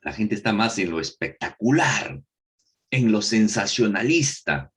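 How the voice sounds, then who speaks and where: Male Bible course teacher with a swinging, animated pitch. He quizzes the class with questions he answers himself and repeats points for emphasis. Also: a little slow. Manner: asks rhetorical questions and answers them himself; repeats key phrases for emphasis. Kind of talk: recorded Bible lesson.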